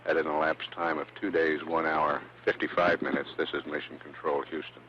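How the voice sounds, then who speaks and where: A man giving live spaceflight status commentary as a mission control announcer, in a halting, measured delivery. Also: extremely low pitch, flat delivery. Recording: dull archival feed with faint hum.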